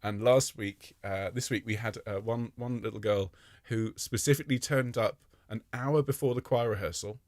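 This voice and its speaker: A man's voice: on the low side, moderate pace, dry recording, clean studio sound. Chatty man leading an online choir. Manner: friendly, jokey, greets people by name. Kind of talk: chatty welcome to a live online rehearsal.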